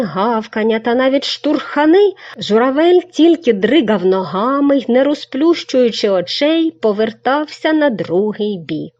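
A woman reads a children's story aloud, giving the narration an expressive, storybook lilt. Her voice sits somewhat high. The recording sounds dull and lo-fi. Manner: expressive reading. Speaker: reader.

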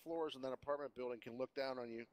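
A man's voice: mid-range voice, steady tone, fast talker. A man chatting casually and tactically with his squad in a military game. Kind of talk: casual tactical team chat. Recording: game voice chat with gunfire noise.

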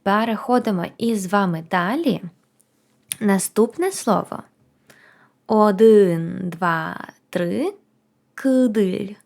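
A woman's voice: medium pitch, expressive, vocal fry, darkish tone. Female teacher giving a language lesson, patient countdown-and-repeat delivery. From Ukraine. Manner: counts down before each word, then says it slowly twice.

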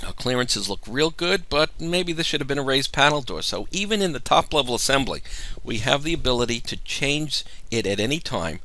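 A man giving a measured, step-by-step software tutorial as a voice-over. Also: mid-range voice, animated. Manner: measured, explanatory walkthrough. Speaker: software demonstrator. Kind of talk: screen-recorded software tutorial.

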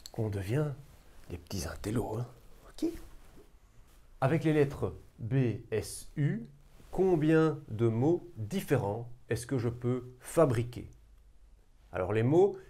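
Male math teacher in a classroom lesson, animated pitch, unhurried delivery, coaxing students along. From Belgium. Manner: lively, coaxing, talks to students directly.

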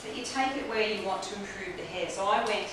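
A woman's voice: mid-range voice, a little fast. Woman teaching in an echoey clinic room. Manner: explains step by step while working on a client. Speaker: trichologist demonstrating a technique. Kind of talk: hands-on instructional demonstration. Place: small bright clinic room. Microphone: camera mic from across the room. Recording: roomy echo from a distant camera mic, clear background hiss.

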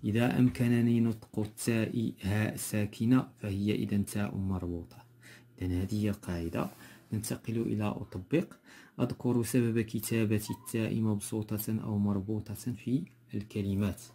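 A man's voice: lowish voice, steady tone, a little fast, dark tone. A man with a Moroccan accent teaching a textbook grammar lesson, going step by step and repeating key words.

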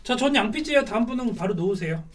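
A man's voice: high voice, animated, quick pace. A man hosting a casual board game session, chatty and self-mocking as he plays and explains the rules. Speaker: board game channel host. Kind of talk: casual chat while playing a board game. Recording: distant mic with faint noise.

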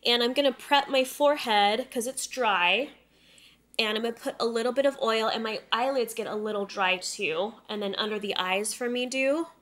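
This beauty tutorial comes from a thirty-something woman still shaking off a cold, so her voice sounds nasal and a little stuffy. Fairly bright and on the high side, she speaks at a moderate pace, chatting directly to viewers from a seat close to the camera on an indoor room studio set.

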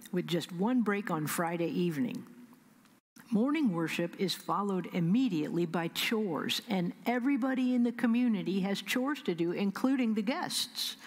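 A middle-aged woman pastor with a Midwestern American accent, preaching a sermon at a pulpit microphone, measured and emphatic, with slow pauses and soft whispered asides. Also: medium pitch. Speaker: senior pastor. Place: large church sanctuary. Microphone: pulpit stand mic. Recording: long church reverb.

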